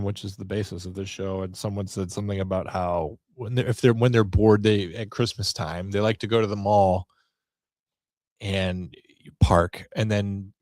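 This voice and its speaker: A man's voice: low voice, a little mellow, no echo, studio quality. A man in his forties hosting a podcast, telling self-mocking stories in a casual, wry monologue. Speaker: podcast host.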